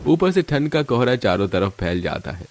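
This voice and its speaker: A man's voice: medium pitch, very animated, moderate pace, a little mellow, a little hiss or hum. A man in scripted narration of a cartoon story, telling it evenly.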